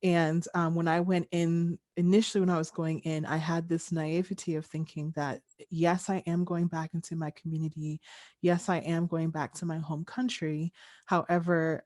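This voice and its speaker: A woman's voice: deep voice, darkish tone, dry recording, studio quality. A young woman from Tanzania speaking on a video call in a thoughtful, earnest way, with frequent fillers as she reflects in a panel discussion.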